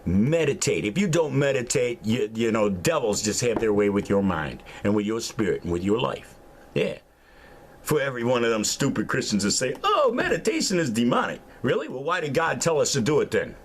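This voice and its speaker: An older man delivering an angry, profane, preachy rant to camera, mocking his listeners and breaking into high shouts. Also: animated, a little fast, a little hiss or hum. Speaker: vlogger. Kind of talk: angry ranting monologue.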